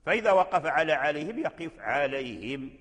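A Moroccan man gives a lecture on Quranic readings, going back over each point patiently and stopping to chant verses slowly. His voice sits a little high for a man. The room rings with a long, echoing reverb. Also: big pitch swings, fairly bright tone, slightly rough. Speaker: Quran recitation teacher.

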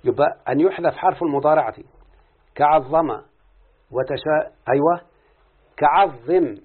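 At a moderate pace, a man with a slightly high voice and a breathy edge speaks with an Egyptian accent. He is a student going step by step through an Arabic morphology lesson in question-and-answer style, checking with his teacher often; the sound is tinny, like a phone.

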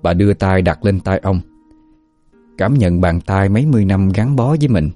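Man, story narrator, very deep voice, mellow tone, soft music under. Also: moderate pace.

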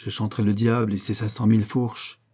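A man reading aloud voices an excitable young soldier nobleman with blustering, exclamatory speech. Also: fairly low pitch, a little fast, natural voice. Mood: plaintive.

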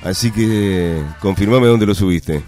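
A man's voice: lowish voice, measured pace, darkish tone, soft background music. A man with an Argentine Rioplatense accent hosting a radio show, chatting casually and joking with his producer. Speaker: radio host. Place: radio studio.

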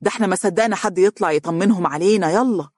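A man's voice: high voice, very fast, no room sound, clean studio sound, voice pushed up. A narrator voicing a cheerful young male prisoner with an Egyptian accent. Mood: teasing. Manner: teasing, warm.

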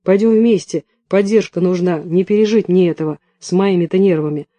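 A shrieking, greedy woman whines and wails through her lines in a high voice, as a male audiobook reader puts her on. The sound is close and dry, with no room around it. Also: a little fast, dark tone, dry recording, natural voice. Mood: whining. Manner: wailing and shrieking. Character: greedy hysterical woman, Lyuska. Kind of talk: audiobook character reading.

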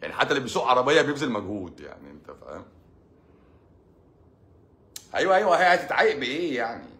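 Fast, sarcastic Egyptian man. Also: mid-range voice, big pitch swings, sharp tone. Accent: Egyptian Arabic. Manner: sarcastic, mocking, advice-giving. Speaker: doctor hosting his own channel. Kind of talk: casual monologue.

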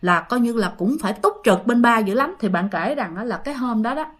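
Woman, Southern Vietnamese accent, fairly high voice, casual ghost-story narrator, chatty. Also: lively intonation, fairly quick, a bit bright. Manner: chatty, retelling listeners' stories with fillers.

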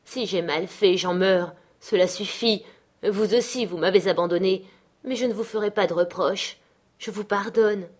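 A woman's voice: mid-range voice, normal speed, darkish tone, natural voice. A woman reading the part of a dying young woman who clings on in anguish, her voice raised and pleading. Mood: tearful pleading.

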